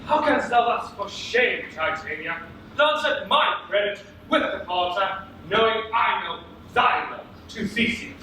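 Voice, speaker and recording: A man's voice: high-pitched, expressive, measured pace, pushed and bright, exaggerated voice. A man playing a proud, jealous fairy king, declaiming with commanding theatricality in Shakespearean stage style. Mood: haughty challenge. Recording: distant echoey stage capture with faint noise.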